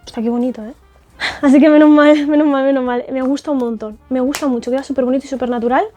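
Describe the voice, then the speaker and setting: A woman's voice: high-pitched, steady tone, quick pace, warm tone, dull audio. A young woman with a Spanish accent from Spain, chatting effusively to camera as she tries on makeup, with lots of fillers and tag questions. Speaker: makeup artist reviewing cosmetics. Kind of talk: casual beauty vlog, trying products on camera. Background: faint background music.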